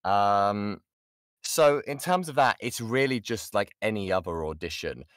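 This UK man, a voice actor, gives a casual workshop online from indoors, fielding audience questions, breaking off, and repeating what matters most. He sounds low-pitched, animated, slightly slow, and a bit bright, captured in clean studio audio with no room sound.

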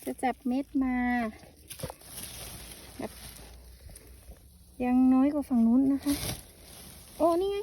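High-voiced woman farmer chatting outdoors. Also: animated, takes it slowly, pauses often, warm tone, a little hiss or hum. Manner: chatty, exclaims over the harvest, explains tips. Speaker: mushroom farmer vlogger. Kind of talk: casual farm vlog talk. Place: outdoor mushroom beds in hot sun.

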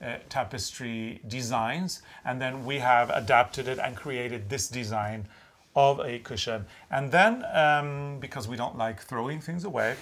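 A middle-aged native Norwegian speaker, a designer, hosts a craft show-and-tell in English from a small wood-panelled room. His mid-range, fairly bright voice keeps a measured pace as he chats casually.

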